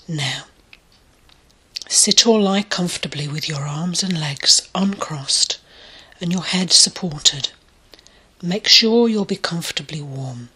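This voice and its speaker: A woman leading a guided meditation in a soft, soothing voice that often drops to a breathy near-whisper. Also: lowish voice, takes it slowly, pauses often. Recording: clear music bed behind the voice.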